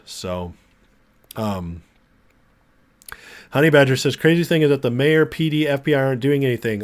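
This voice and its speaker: This is an American livestream host in a mid-range voice, casually bantering with viewers and going through their comments. He's recovering from being ill, and his voice is beginning to go.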